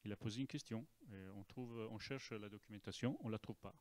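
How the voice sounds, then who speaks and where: An Italian man giving an informal presentation in broken French with an Italian accent, halting and repeating words as he goes. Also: fairly low pitch, darkish tone. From Italy. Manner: broken, non-native French with grammar slips. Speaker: naval officer giving a presentation.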